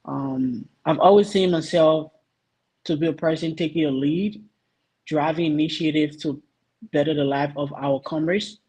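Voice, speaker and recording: A man from Liberia answering interview questions earnestly, pausing often with ums while he searches for words. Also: fairly high pitch, darkish tone, breathy edge, low-quality recording. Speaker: guest, youth association vice president.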